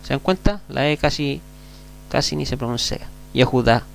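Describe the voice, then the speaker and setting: Patient Chilean man teaching, gravelly. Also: mid-range voice. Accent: Chilean Spanish. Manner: patient, repeats words slowly, asks "mm?" to check. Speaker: Hebrew teacher. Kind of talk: classroom lecture. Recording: gravelly voice over faint mains hum.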